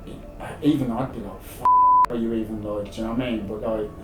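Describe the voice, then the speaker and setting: A man's voice: fairly low pitch, fairly even intonation, fast talker. A man in his thirties with an English accent, telling anecdotes in an informal, matey, rambling way as an interview guest. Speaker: podcast guest, live-streamer. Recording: roomy, distant sound with music behind.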